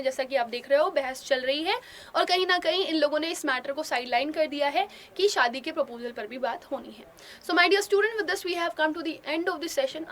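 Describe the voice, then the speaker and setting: A woman's voice: high-pitched, fairly bright tone. A woman English teacher explaining a play, line by line, in simple Hindi for students. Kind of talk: bilingual classroom story explanation.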